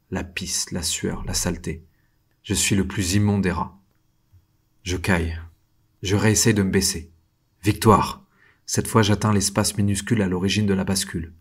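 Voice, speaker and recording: Low husky male drama narrator. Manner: hushed, tense, short clipped sentences. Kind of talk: scripted first-person audio drama narration.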